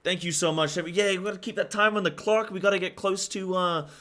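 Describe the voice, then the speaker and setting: A man's voice: high-pitched, a little fast, fairly bright tone. A man doing a casual livestream, hyped and exclaiming as he thanks his supporters. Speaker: live streamer and esports caster. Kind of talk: casual livestream chat with viewers.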